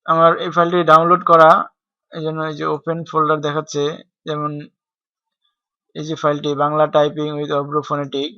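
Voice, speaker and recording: A man's voice: on the high side, completely flat delivery, moderate pace, long pauses, pushed and bright, clear, resonant tone, no room sound. A man gives a screen-recorded typing tutorial, explaining step by step and spelling out keys letter by letter. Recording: dry, dull lo-fi home recording.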